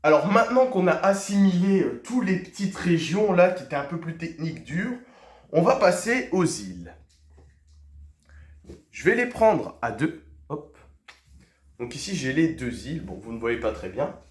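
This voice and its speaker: A man teaching a video lesson, putting quiz questions to his viewers, pausing on fillers and repeating key words. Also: a little high, big pitch swings. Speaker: Spanish teacher. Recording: echoey room.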